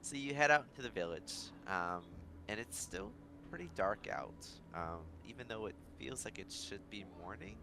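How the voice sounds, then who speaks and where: A man narrating a tabletop game as game master, calm and descriptive with frequent fillers. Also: lowish voice, moderate pace, gravelly, few pauses, background noise.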